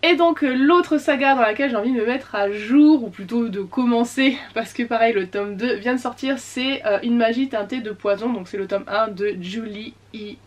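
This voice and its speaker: A woman's voice: a little high, moderate pace, few pauses. A woman chatting casually about her latest book purchases, with many fillers and self-corrections. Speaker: book vlogger. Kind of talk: casual book haul chat.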